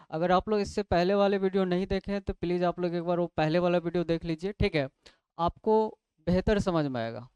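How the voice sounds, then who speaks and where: High-voiced man teaching grammar. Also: a little mellow, clean tone, no room sound. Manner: explains step by step, asks and answers his own questions. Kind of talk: classroom lecture.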